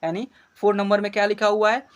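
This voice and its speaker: A man's voice: sits high, level tone, quick pace. A man teaching English pronunciation rules in a classroom-style lesson. He spells each word letter by letter, often checks whether the students follow, and corrects himself mid-sentence.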